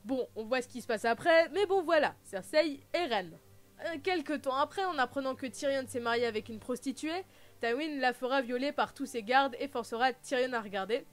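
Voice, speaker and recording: A woman's voice: high voice, lively intonation, normal speed. A woman hosting a casual recap vlog, chatty and full of playful joking asides. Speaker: video host.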